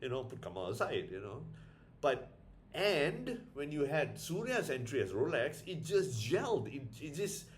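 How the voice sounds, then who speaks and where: A man talks through a movie review in a loose, rambling way. He restarts his sentences and laughs in disbelief, and his pitch swings widely. A faint low rumble sits under the recording. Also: sing-song, moderate pace. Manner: rambling, exasperated, laughs often, many restarts. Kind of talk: casual spoken review.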